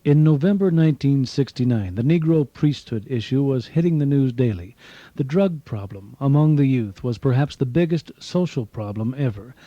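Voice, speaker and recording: A man's voice: medium pitch, warm tone, dry recording, highs cut off. A man reading his own memoir as an audiobook, telling it earnestly with dry asides, heard from a cassette tape recording. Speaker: author narrating his memoir.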